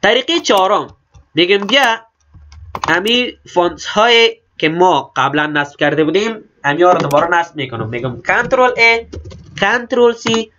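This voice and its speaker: A man's voice: high-pitched, lively intonation, pushed and bright, slight background noise. A man with an Afghan Dari accent giving a step-by-step computer tutorial, explaining each click plainly and repeating steps. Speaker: computer instructor. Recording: slightly dull lo-fi recording.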